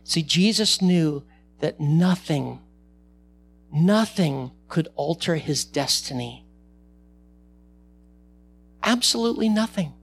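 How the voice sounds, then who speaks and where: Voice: medium pitch, expressive, slow pace, pauses often, a little hiss or hum. A pastor preaching a sermon and reading scripture aloud, repeating key phrases for emphasis and asking the listeners rhetorical questions.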